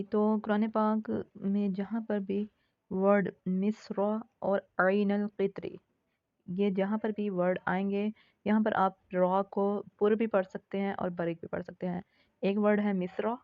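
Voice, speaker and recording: A woman's voice: mid-range voice, no room sound, highs cut off. Patient woman teaching Quran recitation rules. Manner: patient, repeats points and checks in with "theek hai"; slows down to sound out example words carefully. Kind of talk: explaining rules of a tajweed lesson.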